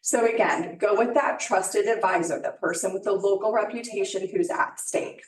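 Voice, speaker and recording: A woman's voice: medium pitch, moderate pace. An American woman speaking as a township spokesperson, giving an informal, plain-spoken public service advisory and explaining things step by step. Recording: roomy, echoey, distant microphone.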